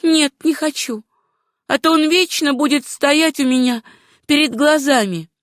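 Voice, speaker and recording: Woman voicing a young widow, grieving and numb, gentle, insistent, higher voice, dry close sound, storybook reading. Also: measured pace, dry recording. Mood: numb insistence.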